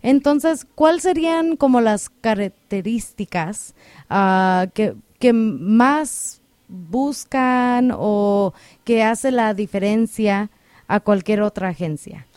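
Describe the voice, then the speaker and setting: A woman hosting a radio interview, asking questions in a relaxed way with frequent hesitations. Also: medium pitch, slow, clean tone, dry recording. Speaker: radio host.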